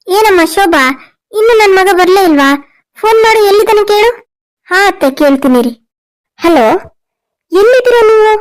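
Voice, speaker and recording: Woman, cartoon drama voice, very high pitch, emotional, scolding. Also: expressive, fairly quick, pauses often, low-quality recording. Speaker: voice actor for the women of a cartoon family drama. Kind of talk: cartoon story voice acting.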